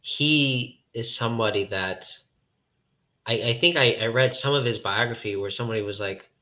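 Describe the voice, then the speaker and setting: A man with a mid-pitched, bright and forceful voice speaks in a casual, personal conversation. He sounds earnest and emphatic, circling back over his phrases as he reflects. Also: normal speed.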